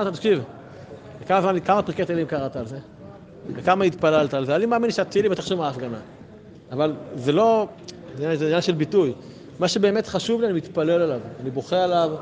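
A man's voice: a little high, a little mellow. A man giving a religious lesson, talking conversationally and asking rhetorical questions, with sudden emphatic rises. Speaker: religious teacher. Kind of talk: Torah lesson to a group.

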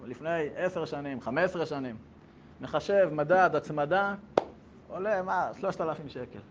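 Lively high-voiced male storyteller. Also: lo-fi sound, background noise. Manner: lively, animated, acts out characters. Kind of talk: casual spoken storytelling.

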